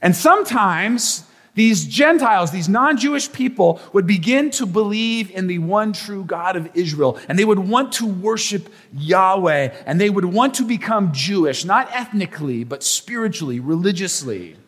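A man preaching a sermon as pastor, telling stories with playful asides and teaching in an animated way. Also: high voice, normal speed, in a large hall.

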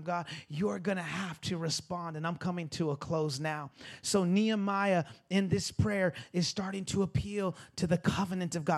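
A man in his forties, a pastor preaching a sermon in a repeating, rising cadence that climbs toward shouting. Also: high voice. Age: 40s. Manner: builds to near-shouting, repetitive preaching cadence.

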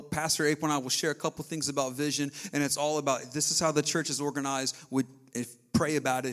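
A male pastor delivers an energetic sermon that sounds like conversation. His voice sits high and carries a lively, casual drive.

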